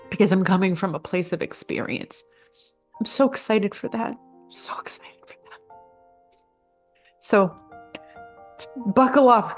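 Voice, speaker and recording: A woman vlogger in casual heartfelt talk, earnest and gushing, full of fillers. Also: mid-range voice.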